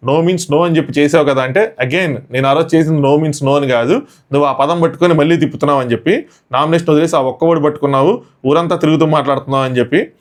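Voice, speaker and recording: A man reviewing a reality show episode who talks extremely fast, barely pausing between points. His voice sits a little high for a man, and he slips English words into a breathless, storytelling recap. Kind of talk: rapid episode recap commentary.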